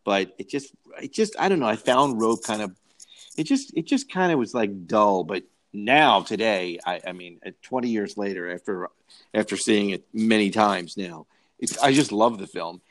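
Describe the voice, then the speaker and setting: A man's voice: fairly low pitch, expressive, normal speed. Rambling man in casual film chat. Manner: rambling, full of restarts and repeated words. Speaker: podcast co-host.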